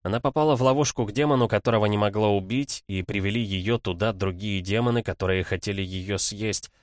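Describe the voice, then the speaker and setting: A man narrating a storybook at a steady, even pace. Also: lowish voice, brisk, no room sound, studio quality. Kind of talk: storybook reading.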